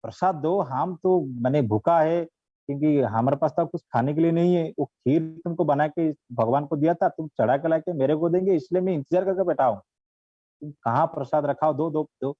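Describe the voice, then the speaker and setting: A man's voice: fairly high pitch, normal speed, dry recording, voice pushed up, close to an everyday voice. A man voicing a hungry village mother who pleads and scolds in a raised voice. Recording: dull, dry recording.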